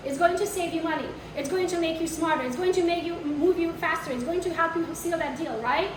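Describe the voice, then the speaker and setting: Picked up by a distant mic in a noisy, echoey training room, a foreign-accented woman teaches realtors real estate marketing before a live audience. Her very high voice moves briskly as she speaks bluntly, swears now and then, and repeatedly questions the room.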